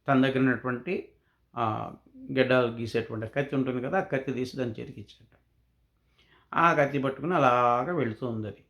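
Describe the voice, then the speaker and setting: A man tells a humorous folk tale for children in a relaxed, spoken way. He asks himself questions and answers them as he goes, in a mid-pitched, ordinary voice. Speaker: storyteller. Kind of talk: oral storytelling for children.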